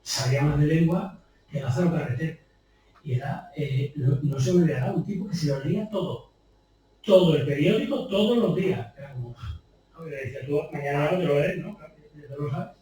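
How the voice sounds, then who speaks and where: A man's voice: fairly high pitch, a little fast, mellow. A man from Spain, a copy editor giving an informal public talk in a chatty, anecdotal way, tagging on rhetorical questions. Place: bookshop event room. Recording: distant, very echoey room recording in a bookshop.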